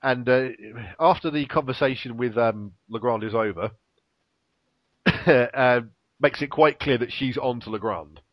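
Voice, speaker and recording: A man chatting through a story recap in a relaxed, rambling way, with fillers and small laughs along the way. His voice sits at an ordinary pitch. The recording is dry and a little dull, like a home podcast mic. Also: unhurried, no room sound. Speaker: podcast co-host recapping an episode. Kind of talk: casual chat, episode recap.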